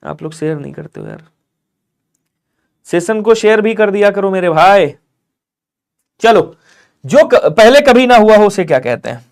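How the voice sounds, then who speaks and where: High-voiced man teaching a quick class. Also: expressive, gravelly. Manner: urges viewers to comment quickly, answers in students' voice. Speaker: Hindi teacher. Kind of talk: live online exam-prep class.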